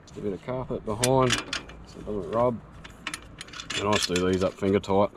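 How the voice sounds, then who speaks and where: Speaking at a normal speed in a voice on the low side, an Australian man in his thirties shows off a homemade build outdoors. This vlogger keeps his how-to talk relaxed and practical, dotted with fillers, as outdoor sounds carry from the grassy bush camp.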